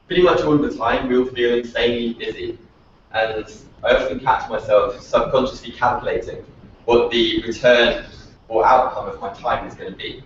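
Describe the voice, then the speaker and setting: A man's voice: mid-range voice, steady tone, normal speed, a little hiss or hum. A man who founded a startup, giving a prepared, reflective talk at a meetup. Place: echoey venue room at a meetup. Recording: echoey, distant, dull lo-fi audio.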